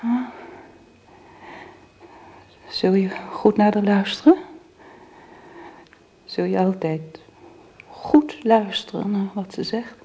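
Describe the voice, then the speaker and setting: An actress playing a gentle, modest, emotional woman in an old radio drama, hesitant and soft-hearted. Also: medium pitch, slow pace, pauses often. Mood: tearful, tender. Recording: dull, noisy old radio recording.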